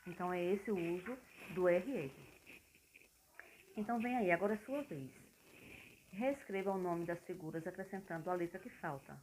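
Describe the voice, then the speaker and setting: A woman's voice: on the low side, moderate pace, darkish tone, a little hiss or hum, low-quality recording. A woman, a schoolteacher explaining a worksheet casually and talking straight to her pupils. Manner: chatty, talks straight to pupils.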